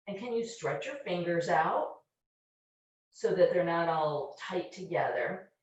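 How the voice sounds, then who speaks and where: A woman leading a children's yoga class, giving gentle, encouraging step-by-step instructions. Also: lowish voice, animated, a little slow. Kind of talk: guiding a kids' yoga class. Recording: distant, very echoey, dull-sounding room recording.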